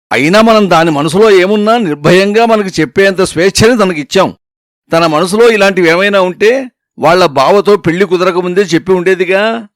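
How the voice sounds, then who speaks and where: A man voicing a protective grandmother who scolds her family sharply and coaxes her granddaughter gently, in a storytelling reading. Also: medium pitch, no echo, clean studio sound, pitched below the performer's own voice, close to an everyday voice. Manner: sharp scolding, then soft coaxing.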